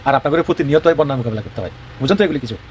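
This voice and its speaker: A man with a Comilla Bengali accent delivers a heated, combative monologue at a blistering pace. His voice sits somewhat high, and he keeps posing questions and answering them himself. A faint hiss runs under the recording. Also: very fast. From Bangladesh. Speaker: regional advocate. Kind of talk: impassioned monologue.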